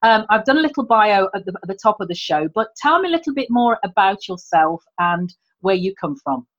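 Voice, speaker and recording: Woman, podcast host, very animated pitch, dull muffled sound. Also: brisk. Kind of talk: interview.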